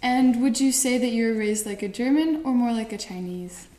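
A woman presenter introduces the segment and asks interview questions. Her voice is higher than average and mellow. Her tone is clear and prompting. The recording has a noticeable roomy echo. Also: normal speed, a little hiss or hum.

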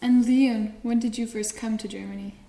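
A woman presenter introduces the segment and asks interview questions. Her voice is higher than average and mellow. Her tone is clear and prompting. The recording has a noticeable roomy echo. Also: fairly even intonation, normal speed.

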